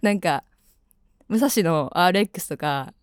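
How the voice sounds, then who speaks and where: Chatty Kansai woman with a low voice. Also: lively intonation, moderate pace. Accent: Kansai Japanese. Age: 20s. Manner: chatty, rambling, with frequent fillers. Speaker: radio host. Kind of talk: casual radio chat.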